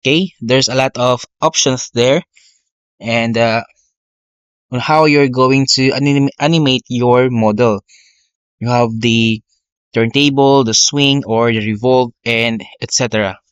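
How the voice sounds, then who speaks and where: A male teacher walking through a software tutorial step by step, often saying okay and correcting himself. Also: medium pitch, fairly even intonation, unhurried, clean tone, no room sound. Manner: step-by-step, frequent "okay" and "uh" fillers, self-corrections. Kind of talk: screen-recorded software tutorial. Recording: dry, dull lo-fi mic.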